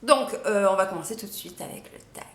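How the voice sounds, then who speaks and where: Young female vlogger, casual and chatty, mid pitch, recorded in a reverberant room. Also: fast talker, a bit bright. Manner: chatty, many fillers and hesitations. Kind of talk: casual chat to camera. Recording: echoey room.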